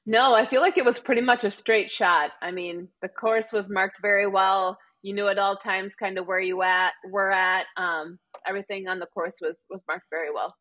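A woman's voice: medium pitch, steady tone, moderate pace, few pauses, dry recording, lo-fi sound. A woman with a Wisconsin accent, a marathon runner chatting casually as a podcast guest, full of ums and likes. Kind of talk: casual interview chat.

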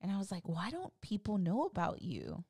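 A woman in her thirties, a mother chatting casually with her husband and telling a family story with animated quoted lines. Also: mid-range voice, moderate pace, slightly rough, dry recording, clean studio sound. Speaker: co-host, wife and mother. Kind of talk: casual chat.

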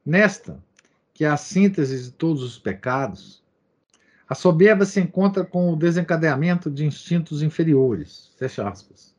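A man with a somewhat high voice reads a text aloud in lecture style. He marks quotations, then adds loose spoken asides and keeps dropping in little tag questions. The recording sounds dull and lo-fi. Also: animated, normal speed, darkish tone. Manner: reads quoted passages, adding asides and verbal tics like "né?". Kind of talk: reading and commenting on a text.

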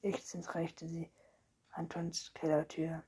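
Breathy lady reading a kids story, half whispering, slow and mellow. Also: sits low, monotone, low-quality recording. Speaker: audiobook narrator. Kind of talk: storybook narration.

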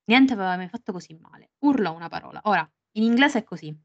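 Lively woman reading aloud, dull dry sound. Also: mid-range voice, fast talker, dry recording. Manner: lively, reads passages dramatically, jokes and swears casually. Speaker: podcast co-host. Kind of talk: casual book discussion with read-aloud passages.

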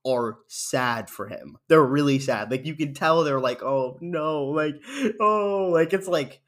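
A man in casual chat with a friend, tearing into a bad film. He talks in a loose, mocking way with lots of fillers and suddenly acts out scenes with loud screams. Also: medium pitch, a little slow. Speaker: podcast co-host reviewing a movie.

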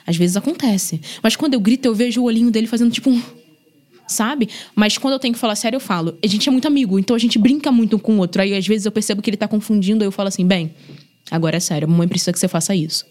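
A woman's voice: on the high side, racing. A young Brazilian woman, a guest on a podcast, chatting casually about her life as a single mother and filling her speech with "né?" and "gente". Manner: chatty, animated, lots of "né?" and "gente". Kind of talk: casual chat, personal storytelling.

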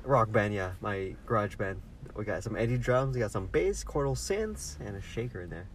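A man's voice: fairly low pitch, expressive, moderate pace, distant mic. Podcast co-host, man, casual and rambling, laughs a lot, faint hiss behind. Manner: laughs often, loose rambling talk.

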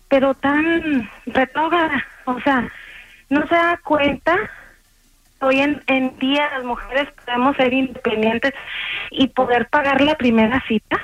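A woman calling in to a radio show over the phone, speaking in an indignant, insistent way. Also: high-pitched. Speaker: caller. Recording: muffled phone line with noise.

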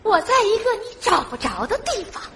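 A woman with a Northeastern Chinese accent playing a jumpy young woman who has just rented a flat, speaking briskly and bossily on a live stage. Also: very high-pitched. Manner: brisk, bossy, easily startled. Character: jumpy young woman renting the flat, fleeing a jealous boyfriend. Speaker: sketch comedy actress. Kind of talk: stage comedy sketch. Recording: live stage with audience noise. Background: audience laughter.

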